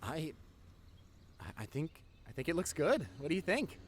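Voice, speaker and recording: Voicing a nerdy young boyfriend, a man talks directly to his girlfriend in an intimate roleplay audio, with slight background noise. Eager and excited, he stammers with big pitch swings at a moderate pace, staying affectionate and teasing.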